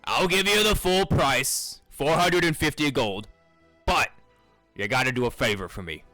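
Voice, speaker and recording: A foul-mouthed dwarf shipwright who barks out blunt, crude deals, as a man puts him on. The voice is bright and forceful, and it sounds dry, close and plain. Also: mid-range voice, lively intonation, normal speed, no room sound, faint music behind, pitched above the performer's own voice, poor audio. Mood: grudging. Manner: blunt and crude, swearing often.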